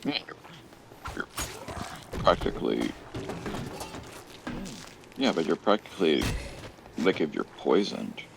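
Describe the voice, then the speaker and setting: Very deep gravelly man, supervillain sound. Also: sing-song, noisy background. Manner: hesitant, halting, repeats phrases. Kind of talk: casual chat on a game stream.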